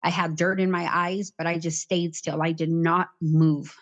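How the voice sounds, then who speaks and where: A middle-aged woman recounting her past in an interview, in a plain, halting way with many "like" fillers. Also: fairly low pitch, level tone. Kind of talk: personal account in conversation.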